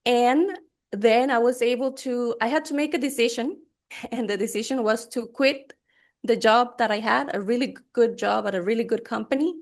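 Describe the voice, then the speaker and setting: A woman's voice: fairly high pitch, moderate pace. A middle-aged woman from Rica, chatting enthusiastically as a guest at a conference. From Costa Rica. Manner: enthusiastic, chatty, laughs easily. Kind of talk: conversational interview answer.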